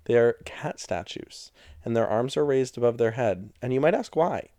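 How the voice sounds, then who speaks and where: A young man co-hosting a podcast, joking playfully in casual chat with a deadpan touch. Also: mid-range voice, normal speed, no echo. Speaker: podcast co-host.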